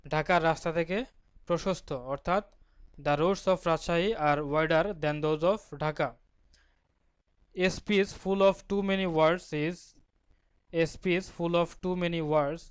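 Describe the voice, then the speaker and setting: A man with a Bangladeshi Bengali accent teaching an exam-prep grammar lesson, explaining step by step, asking and answering his own questions, and reading English example sentences slowly. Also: a little high, clear, resonant tone, no echo, studio quality.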